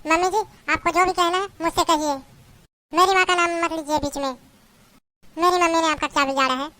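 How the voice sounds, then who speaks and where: A woman with a very high, steady, fairly quick voice that sounds pushed and bright plays a young married daughter-in-law in a family drama. Meek and put-upon, she pleads with her mother-in-law and defends herself.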